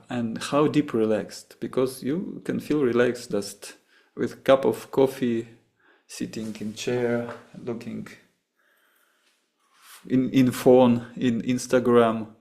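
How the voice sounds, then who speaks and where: After leading a session, this meditation teacher from Russia answers questions in his Russian accent, stopping and starting again as he searches for the right words. The voice is mid-range and flat, with a creaky, warm quality.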